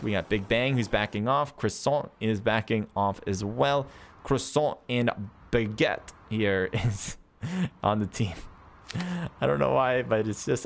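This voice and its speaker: A man doing live play-by-play commentary on an esports match, calling action quickly and excitedly with chatty asides to himself. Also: on the low side, slight background noise. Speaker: esports caster. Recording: game gunfire and vehicles behind voice.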